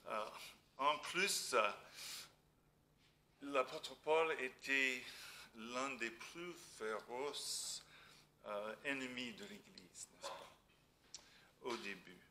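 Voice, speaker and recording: A man with a foreign accent in French, a non-native speaker preaching a church sermon haltingly, searching for words and adding little tag questions. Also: lowish voice, pushed and bright, a little hiss or hum. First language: not French. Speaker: visiting missionary preacher.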